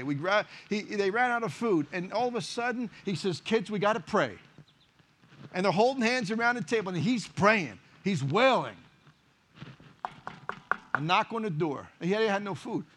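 A man's voice: sits high, lively intonation, moderate pace, fairly bright tone. A middle-aged male pastor preaching a sermon, telling stories animatedly and acting out the dialogue. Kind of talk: sermon with storytelling.

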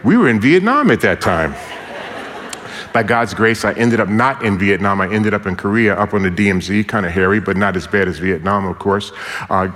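An older man from New York City preaches with humor and warmth of address, calling on the congregation to repeat lines. His voice sits low. The sound rings with long reverb, as in a large hall. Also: lively intonation, moderate pace. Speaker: preacher giving his testimony. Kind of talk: sermon.

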